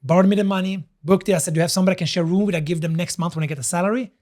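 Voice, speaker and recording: A man from Sweden with a slight Italian tinge, telling his story as an interview guest and acting out quoted dialogue. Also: high voice. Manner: quick, animated, acts out quoted dialogue.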